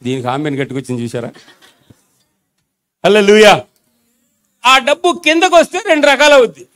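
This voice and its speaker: High-voiced Telugu pastor urging a crowd. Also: male voice, animated, normal speed, fairly bright tone. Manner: exhorting the congregation to repeat aloud. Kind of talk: sermon.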